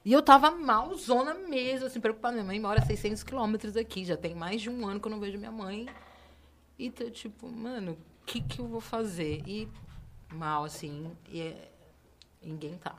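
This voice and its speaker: A woman's voice: medium pitch, normal speed, noisy background. A woman, co-hosting a podcast in casual, slangy chat and often checking that others follow. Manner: slangy, emphatic, frequent "entendeu?". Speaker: podcast co-host.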